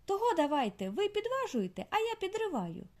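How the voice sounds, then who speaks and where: A woman voicing a tiny, stern girl mole with a squeaky voice who grumbles and bosses people around, in an audiobook for children. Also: wildly swooping pitch, fairly quick, full character voice. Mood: bossy. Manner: grumbling, bossy. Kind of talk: audiobook character voice.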